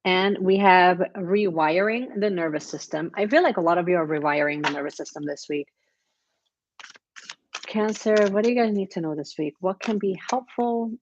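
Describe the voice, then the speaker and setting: A woman's voice: fairly low pitch, moderate pace, dull audio, a little hiss or hum. A woman giving a casual weekly tarot reading, chatty and encouraging, with plenty of fillers and restarts. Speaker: tarot reader.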